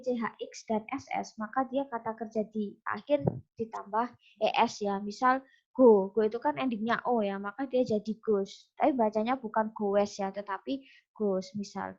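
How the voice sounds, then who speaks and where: A woman's voice: on the high side, darkish tone, lo-fi sound. A woman with an Indonesian accent teaching English grammar in an online class, explaining step by step with many fillers and restarts. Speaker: English lecturer.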